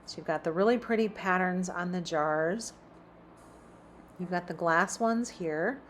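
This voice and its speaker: A woman's voice: fairly low pitch, measured pace, slight background noise. Chatty woman browsing a store. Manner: chatty, reads out prices while browsing. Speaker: shopping vlogger. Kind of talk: casual shop-with-me narration. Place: inside a large store.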